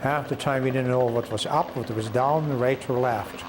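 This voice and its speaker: A man's voice: medium pitch, steady tone, normal speed, background noise. An older man recounting an adventure in a documentary interview, telling it vividly and acting out the dialogue.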